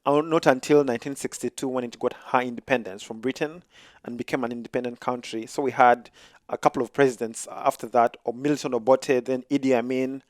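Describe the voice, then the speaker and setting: A man in his thirties from Uganda, guesting on a podcast and speaking in a calm, measured, polite way. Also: medium pitch, no room sound, studio quality. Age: 30s. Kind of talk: casual interview.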